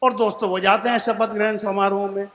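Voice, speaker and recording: Performing comic poetry and stories on a live poetry stage, a man in his sixties repeats each couplet line before landing the punchline and chats warmly with the audience as friends. His voice is high-pitched and a bit bright, with little pitch movement, and his pace is a little fast.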